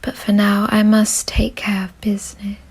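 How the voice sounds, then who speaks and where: Here a woman voices a gentle, doting aristocratic vampire for ASMR, using a soft, breathy whisper that sounds genteel and reassuring. The delivery is completely flat at a normal speed, her voice mid-range, the feeling fond and doting.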